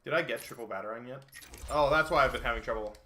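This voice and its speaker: A man streaming a game with casual, explanatory commentary. His voice is mid-pitched and bright, with faint noise behind it. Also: fast talker. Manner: chatty, explanatory. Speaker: gaming streamer.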